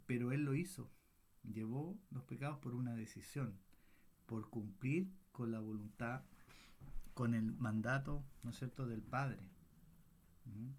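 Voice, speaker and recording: A man's voice: medium pitch, a little mellow. A man leading a Bible study, asking the group questions and checking in with them often as he works through the passage. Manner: unhurried, thoughtful delivery with restarts.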